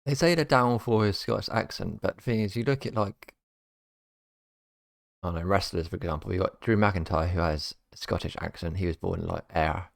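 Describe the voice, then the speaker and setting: A man's voice: low-pitched, brisk, gravelly, no echo, studio quality. A man hosting a reaction video, talking casually in a rambling, hesitant way with many fillers.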